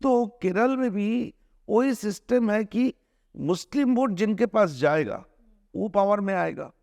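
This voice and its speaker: A middle-aged man from India speaks in a fairly high voice, pressing his case with earnest conviction. He keeps restarting phrases and stretching his hesitations before pushing on. The sound is dry and close, with no room around it. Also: lively intonation, gravelly, a little mellow, no echo. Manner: earnest, argumentative, with frequent restarts and drawn-out hesitations. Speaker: film director, interview guest. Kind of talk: conversational interview, mixing Hindi and English.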